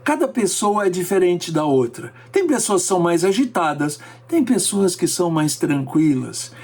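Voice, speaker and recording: Um homem com sotaque brasileiro, professor de técnicas de fala, dando uma aula e variando o ritmo e a altura da voz para dar ênfase. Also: male voice, normal speed. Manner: lively, varies pace and pitch for emphasis. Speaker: speaking coach. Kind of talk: teaching lesson.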